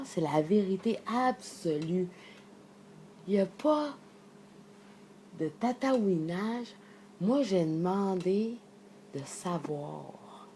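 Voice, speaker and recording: Québécois lady rambling to camera, lowish mellow voice, swears a lot, faint hum behind. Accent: Québécois French. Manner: emphatic, rambling, swears freely. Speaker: vlogger sharing her thoughts. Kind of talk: casual spoken monologue to camera.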